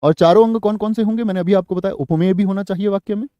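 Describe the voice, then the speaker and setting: A man's voice: high-pitched, steady tone, racing, warm tone, smooth, no room sound, muffled recording. A young man teaching a Hindi grammar class for exam students, quizzing them with repeated questions and calling them brother and friend. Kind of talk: online exam-prep class lecture.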